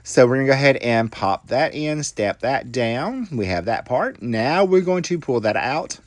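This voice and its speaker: A middle-aged man narrates a crafting tutorial in a casual, folksy way. His pitch moves in a lively, animated way, full of friendly asides and little self-deprecating jokes. The recording is close and dry, with no room sound. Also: moderate pace, no room sound. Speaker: card-making tutorial host.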